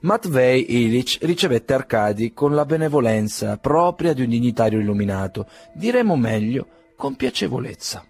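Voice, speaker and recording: A man narrating a classic novel in a measured, gently ironic audiobook reading. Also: mid-range voice, very animated, slightly rough, faint music behind.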